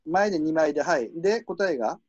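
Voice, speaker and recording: A man with a Kansai accent hosting a word game, explaining rules in a relaxed, chuckling way. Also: on the high side, fairly quick, dry recording, dull audio. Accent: Kansai Japanese. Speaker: game host and referee. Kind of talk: casual game commentary.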